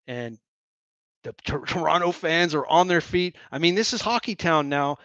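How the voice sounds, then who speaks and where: Brief: irreverent man doing excitable fan play-by-play, dull lo-fi sound. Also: a little high, dry recording. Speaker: host of a fan watch-along broadcast. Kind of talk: joking play-by-play commentary.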